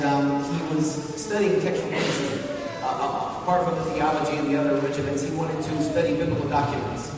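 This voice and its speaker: A middle-aged man with a Southern American accent, telling his story as a religious lecture, emphatically repeating phrases for stress. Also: on the high side. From southern United States. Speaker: religious speaker. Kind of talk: autobiographical public lecture. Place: large reverberant hall before an audience. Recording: echoey hall, distant mic, background noise.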